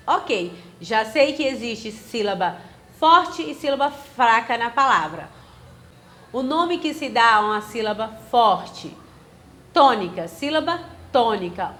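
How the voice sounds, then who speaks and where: A woman's voice: a little high, fairly bright tone, slight background noise. A woman with a Brazilian Portuguese accent teaching a grammar lesson, asking questions and answering them herself, spelling words out syllable by syllable.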